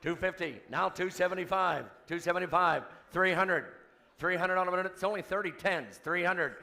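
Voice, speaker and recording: A man is calling a live charity auction as the auctioneer. His voice is fairly high and cuts through brightly. He rolls through the numbers in a rhythmic chant and drops in joking remarks to the bidders. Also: normal speed, creaky. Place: event hall, live before an audience.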